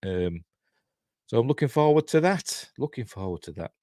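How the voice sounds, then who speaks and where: With a mid-range, sing-song, dark-toned voice at normal speed, this middle-aged Yorkshireman reviews TV on his channel's casual livestream. He rambles chattily in his Yorkshire accent and pokes fun at himself, in a dry, clean studio recording.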